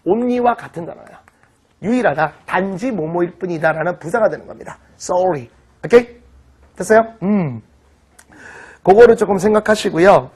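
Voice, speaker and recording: A middle-aged man teaching an online vocabulary lecture in an animated, teasing way, often checking that students follow. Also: high voice, moderate pace, long pauses, husky. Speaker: English teacher.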